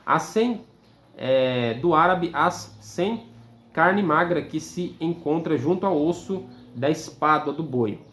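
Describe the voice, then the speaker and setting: A Brazilian man, a teacher, reading dictionary definitions aloud in a measured, list-like way with hesitant "é" fillers. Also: on the high side, lively intonation, a bit bright. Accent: Brazilian Portuguese. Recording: echoey room, faint background noise.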